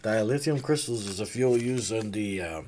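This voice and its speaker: A man's voice: on the low side, normal speed, darkish tone, a little hiss or hum. A man casually unboxing comics, rambling, trailing off and swearing offhandedly. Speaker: comic unboxing channel host.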